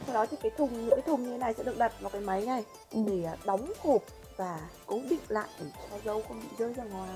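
A young woman explains things casually as a vlog host. She talks quickly in a high voice, with music behind her. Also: dark tone. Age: young adult. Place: indoor fruit packing workroom. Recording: music behind workroom talk.

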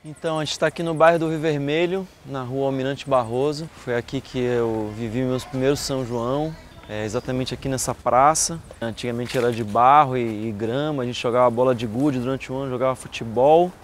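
A man from Salvador, a singer and composer, speaking in a relaxed, reflective way in a documentary voice-over. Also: medium pitch, a little fast, slight background noise. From Salvador, Brazil. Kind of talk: documentary voice-over and on-location talk. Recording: music bed underneath.

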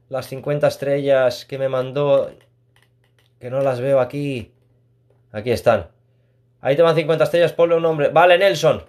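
A man chats casually while streaming a mobile game. He reads his chat aloud, talks warmly to viewers, and laughs often. He is talking a room at home. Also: on the high side.

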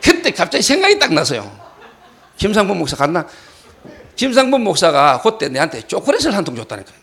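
Pastor guy, high voice swinging all over, acts out the yelling bits mid-sermon. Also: fairly quick. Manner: animated storytelling, acting out shouted quotes. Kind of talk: sermon with personal story. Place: church hall.

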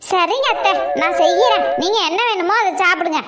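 A scheming daughter-in-law in her forties, played by a woman in a comedy skit, with a very high, shrill voice. She complains theatrically about chores and fusses over her looks. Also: brisk, over a noisy crowd. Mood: sweet. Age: 40s. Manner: complaining loudly, vain, sugary to her mother-in-law.

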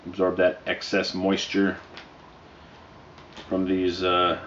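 A man in his thirties reviews a product casually in a fairly low voice. He is unhurried and low-key, often halting between phrases. The sound is dull and roomy, picked up by a camera mic indoors. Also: completely flat delivery, fairly bright tone, a little hiss or hum. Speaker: pipe tobacco reviewer. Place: small dim living room, indoors.

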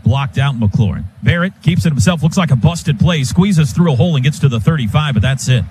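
An American man does live radio play-by-play of a football game from a stadium booth, his fairly high, animated voice moving at a fairly quick clip. He calls the action in clipped phrases that track each play. Loud stadium noise fills the background behind him.

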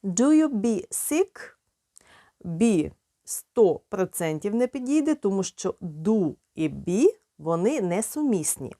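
A woman with a Ukrainian accent teaching a beginner English lesson, explaining slowly and clearly. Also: mid-range voice, very animated, dark tone, no room sound, studio quality.

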